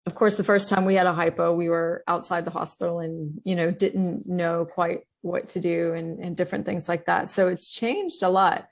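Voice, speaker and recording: A woman's voice: fairly low pitch, steady tone, moderate pace, creaky, hardly any pauses. A woman hosting a podcast, talking in a conversational way and asking open questions. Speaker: podcast host. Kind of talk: conversational interview.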